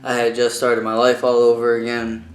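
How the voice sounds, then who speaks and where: A man's voice: medium pitch, completely flat delivery, normal speed, slight background noise. A man from the United States, a musician being interviewed, talks in an informal, self-promoting way in casual chat. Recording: echoey room, music behind.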